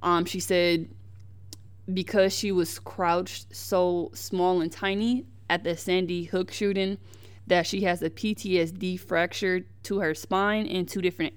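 Heated young woman with a smooth voice. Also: lowish voice. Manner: heated, emphatic, with many restarts and slang. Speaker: podcast host. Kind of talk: casual commentary on news.

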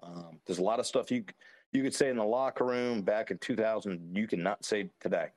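A man's voice: on the low side, a little fast, a little mellow, no room sound. A man chatting casually on a podcast, telling rambling stories with chuckles and lots of fillers. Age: adult. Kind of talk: casual chat.

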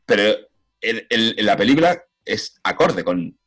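A man in casual film chat, animated and lively, acting out movie lines in put-on voices. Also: fairly low pitch, moderate pace, soft background music.

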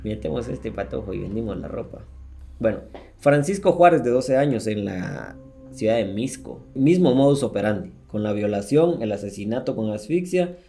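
Guatemalan guy hosting a podcast, warm mellow voice, swears a lot while telling true crime, faint music behind. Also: lowish voice, lively intonation, normal speed, vocal fry. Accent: Guatemalan Spanish. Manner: crude slangy retelling with swearing and laughs. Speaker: podcast host. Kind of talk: casual true-crime storytelling.

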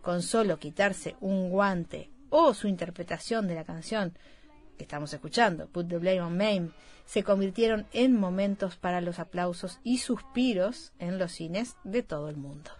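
A woman's voice: fairly low pitch, unhurried. A woman co-hosting a film program, reading a descriptive film summary with occasional hesitations. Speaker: radio film show co-host.

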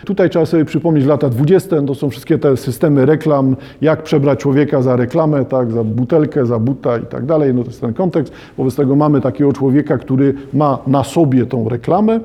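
A man's voice: medium pitch, a little fast, hardly any pauses, dark tone, husky. A man lecturing on a novel, reflective in tone, reading passages aloud and addressing his listeners directly.

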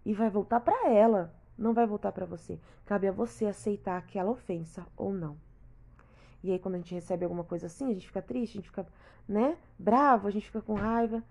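Earnest woman, mellow voice. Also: mid-range voice, fairly quick, gravelly. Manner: earnest, repetitive, talks straight to the listener. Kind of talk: reflective personal monologue.

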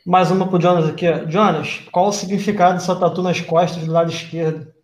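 A man's voice: high voice, steady tone, a little fast. A Brazilian man hosting a casual live interview, greeting viewers in an upbeat, friendly way and reading out their questions. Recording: roomy echo.

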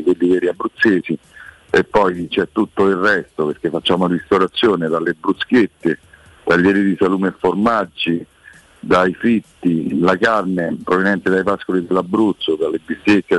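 A man with a hoarse voice that is giving out, talking haltingly and informally as a restaurant owner promoting his place on the radio. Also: low-pitched, fairly bright tone, dry recording, low-quality recording. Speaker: restaurant owner, guest caller on a radio show.

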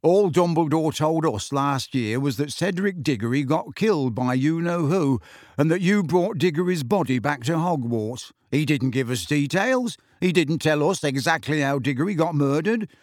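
A skeptical teenage boy who presses his challenge slowly and dismissively, as a male reader plays him. The delivery is deliberate and dry, like a storybook read. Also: a little high, lively intonation, dry recording. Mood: aggressive.

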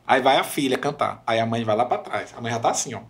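A young Brazilian man talks on a podcast, spinning stories with real enthusiasm. His voice sits at an ordinary middle pitch. He slips into the people he quotes as he goes. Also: fast. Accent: Brazilian Portuguese. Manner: animated storyteller, acts out quoted voices. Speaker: podcast guest, worship minister. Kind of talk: casual podcast chat.

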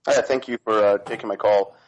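A man from Canada calling in to a talk show, polite and halting, with many fillers and restarts. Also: lowish voice, steady tone. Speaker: caller. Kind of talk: phone-in question. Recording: dull lo-fi phone line.

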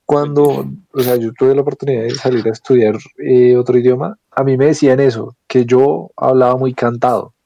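A man's voice: mid-range voice, fairly even intonation, fairly quick, vocal fry, hardly any pauses, mellow, lo-fi sound, a little hiss or hum. A man from Colombia chatting casually in a group, chiming in with short remarks. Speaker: guest.

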